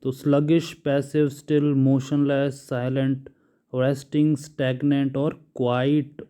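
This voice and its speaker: A man with an Indian English accent teaching English vocabulary, slowly listing synonyms and explaining them in Hindi. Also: mid-range voice, flat delivery, dark tone, clean tone. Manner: slow, patient, drawn-out word lists.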